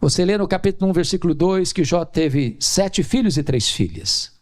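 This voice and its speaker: Brazilian male pastor, middle-aged, slightly high voice, animated sermon storyteller. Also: normal speed. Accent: Brazilian Portuguese.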